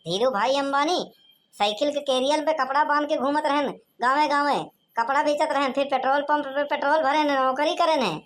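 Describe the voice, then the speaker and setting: A high-pitched woman speaking in a thick Awadhi accent. She rattles through village cartoon comedy with brash, teasing banter and sharp scolding. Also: steady tone, normal speed. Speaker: cartoon voice performer. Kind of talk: rustic cartoon comedy dialogue.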